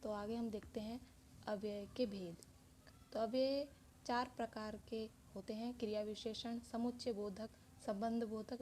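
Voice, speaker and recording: Female teacher, mellow voice, patient step-by-step explaining, faint room hum. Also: on the high side. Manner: explains step by step with many examples. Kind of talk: Hindi grammar lesson.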